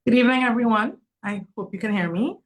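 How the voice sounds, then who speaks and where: A woman's voice: a little high, quick pace, low-quality recording. A woman in her forties from Saint Vincent and the Grenadines, telling her personal story earnestly and openly as a panel guest. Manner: earnest, open, with frequent um fillers. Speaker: guest speaker.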